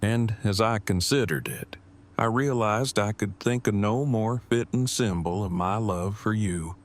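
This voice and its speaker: In an audio drama, a man plays an earnest, devoted bridegroom. His low voice, close to an everyday sound, delivers long, precise, formal sentences at a measured, bookish distance.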